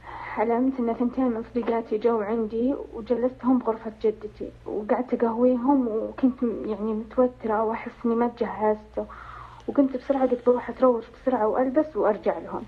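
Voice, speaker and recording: Lady calling in, rambly, fast, phone line sounds tinny. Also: on the high side, steady tone, husky. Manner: rambling with many fillers. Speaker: caller. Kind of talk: phone call recounting a dream.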